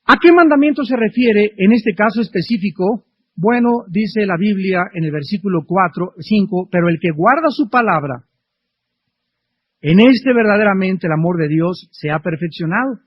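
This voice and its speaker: A middle-aged male preacher delivering a fervent sermon full of rhetorical questions, swinging between loud and soft. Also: sits high, lively intonation, normal speed, breathy edge. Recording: dull lo-fi archive recording.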